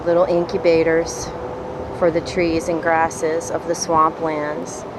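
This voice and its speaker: A woman presenter describing what she sees on location, slow and descriptive. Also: deep voice, completely flat delivery, noisy background. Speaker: show presenter. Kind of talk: on-location narration.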